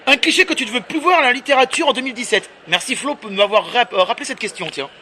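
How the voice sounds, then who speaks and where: A man hosting a book channel, firing off quick playful interview questions with a joking manner. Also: extremely high pitch, pushed and bright, a little hiss or hum.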